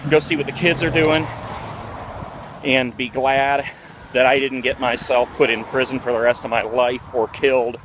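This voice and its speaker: Midwest guy in his 40s vlogging outside on a handheld cam, rambly candid storytelling, faint traffic behind. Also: medium pitch. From Ohio, USA. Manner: candid, rambling, with many fillers. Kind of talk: casual storytelling vlog. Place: outdoors, walking through a neighborhood near a park.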